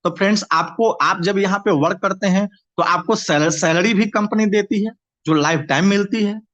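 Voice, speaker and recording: A man's voice: high voice, moderate pace, fairly bright tone. A man presenting and explaining a business plan to his audience, steadily, with frequent restarts and repeated words. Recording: dull lo-fi recording.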